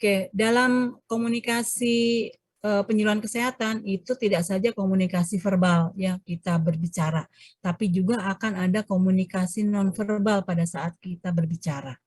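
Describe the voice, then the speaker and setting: A woman lecturer teaching an online class over a video call. She explains at length with many hesitations and self-corrections, and changes her pitch to act out examples. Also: moderate pace, no echo. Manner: animated, shifts pitch to demonstrate examples. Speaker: university lecturer.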